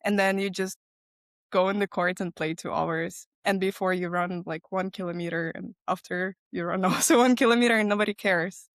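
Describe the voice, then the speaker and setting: A young woman from Ukraine speaks with a Ukrainian accent, candid and unpolished, often pausing on "like" as she looks for the right English word. Her voice is close and dry, with no room sound. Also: fairly low pitch, fairly even intonation, dry recording. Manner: candid, searching for words, frequent "like". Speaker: guest. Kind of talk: casual interview chat.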